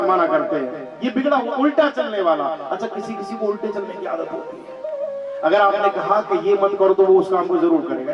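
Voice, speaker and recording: A male preacher telling a story in a devotional sermon and acting out the characters' dialogue. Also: fairly high pitch. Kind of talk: devotional sermon with acted-out stories. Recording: echoey, distant, dull sound with music behind.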